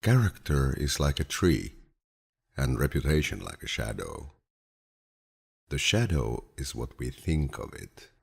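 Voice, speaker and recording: A man narrates an audiobook of quotations at a slow pace. His voice is deep, low and husky, and he sounds calm, soothing and grandfatherly as he reads from a script.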